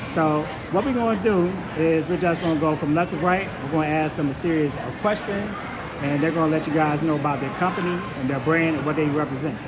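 A man's voice: on the high side, a little fast. A man in his forties hosting a casual interview with a jokey, hype, street-slang manner. He speaks into a phone in a large indoor food court. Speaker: interview host. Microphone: phone camera. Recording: busy hall, loud background noise.

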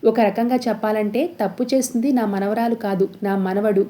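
Stern elderly grandmother, sharp threats in a soft tone, read by a woman. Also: mid-range voice, fairly even intonation, normal speed, natural voice. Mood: angry. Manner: scolding, threatening.

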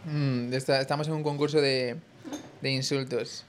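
A man's voice: mid-range voice, little pitch movement, moderate pace, a little hiss or hum. A young man from Spain with a Spanish accent, chatting casually with his viewers on a live stream. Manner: chatty, addresses chat as tío.

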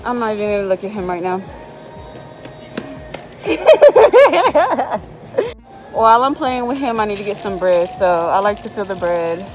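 A woman's voice: medium pitch, fast talker, hardly any pauses, soft background music, rough recording. A woman hosting a casual shopping vlog, chatting and teasing while talking straight to her viewers. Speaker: vlog host, mother.

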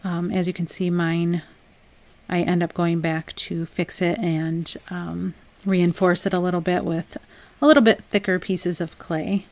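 A young adult woman hosting a home crafts channel, talking through a project in a relaxed, chatty voice-over with frequent "um"s. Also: fairly low pitch, measured pace. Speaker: DIY crafts channel host. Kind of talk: casual voice-over tutorial.

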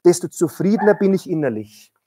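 Preacher doing a poor young believer woman, soft and fervent, kinda low and quiet, no echo. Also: lively intonation, a little fast, clean studio sound, lightly acted. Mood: content.

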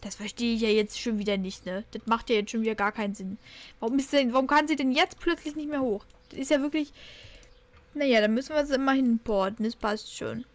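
A young woman casually commenting while she plays a life-simulation game, chatty and cooing excitedly over new kittens. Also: on the high side, fairly quick. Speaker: Sims let's play host.

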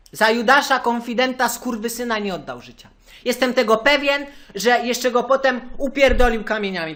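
A man's voice: very high voice, pushed and bright, full character voice. A man voicing a hot-tempered young male churchgoer in a prank phone call, ranting and repeating the same phrase of address. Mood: indignant.

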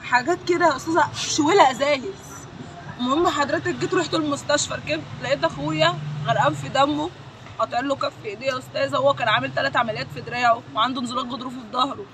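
A woman's voice: sits high, very fast, background noise. A grieving woman with an Egyptian Arabic accent, the victim's sister, speaking emotionally with repeated invocations against the accused in a street interview.

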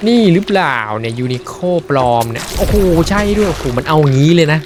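A man streaming a horror fishing game, chatting and reacting excitedly as he plays. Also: fairly high pitch, brisk, noisy background. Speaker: gaming streamer. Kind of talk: live game commentary.

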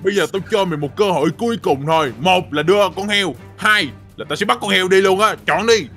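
A boastful male village bully swaggers and taunts in a high, bright voice. He mocks his victims with loud laughter in a game role-play. Faint music plays behind him. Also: quick pace.

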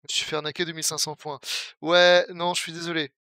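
A man's voice: a little high, level tone, quick pace, sharp tone, no room sound, studio quality. A young man from the Paris region with a Parisian French accent, talking casually as a Twitch streamer while playing a game, joking and answering his chat. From Paris region, France.

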